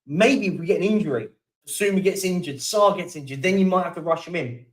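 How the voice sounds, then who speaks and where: A man's voice: high-pitched, brisk, recorded from a distance, rough recording. A young man hosting a casual live-stream chat, reading out viewer comments and yawning now and then. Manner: chatty, keeps yawning and apologising.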